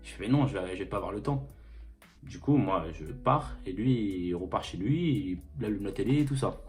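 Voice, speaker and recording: A man's voice: lowish voice, expressive, moderate pace, darkish tone. Young man, casual vlog, crude jokes, rambling fillers, phone camera, faint guitar music behind. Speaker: vlogger. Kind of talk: casual storytime and clothing haul.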